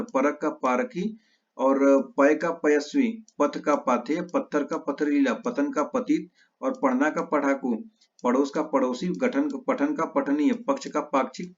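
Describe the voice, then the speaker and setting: A male teacher giving an exam-prep lesson, reciting word pairs in quick lists and correcting his own slips. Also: medium pitch. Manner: rapid list recitation with self-corrections. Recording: slightly dull lo-fi audio.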